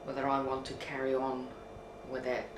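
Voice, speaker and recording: With a completely flat delivery at normal speed, a deep-voiced middle-aged woman talks candidly and without rush, searching for words and going back over some of them. English isn't her first language; she comes from a non-English-speaking country outside the UK and appears in a documentary as an interpreter. The reflective conversation was recorded in an echoey room with hiss.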